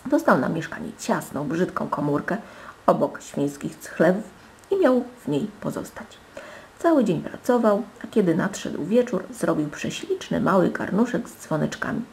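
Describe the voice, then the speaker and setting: A woman reading a fairy tale aloud with dramatic, animated storytelling and soft hushed asides. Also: fairly low pitch, moderate pace, vocal fry, slight background noise. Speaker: storybook reader.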